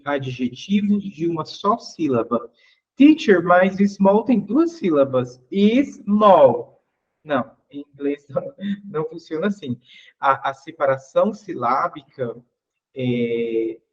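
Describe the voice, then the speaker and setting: A man's voice: a little high, highs cut off. A man teaching English grammar in an online class. He explains patiently, asks the class questions and repeats each example.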